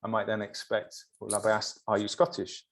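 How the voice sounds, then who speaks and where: A man's voice: lowish voice, monotone, fairly quick, a bit bright, a little hiss or hum. Man from England, thinking aloud in an academic talk. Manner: thoughtful, reflective, searching for words. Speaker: film studies professor, guest speaker. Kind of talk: academic discussion.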